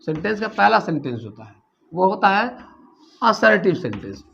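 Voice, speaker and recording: Male teacher, gravelly voice, rhetorical questions, step-by-step grammar lesson. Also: high-pitched, big pitch swings, moderate pace, a bit bright, a little hiss or hum. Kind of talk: classroom-style grammar lesson. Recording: dull lo-fi recording.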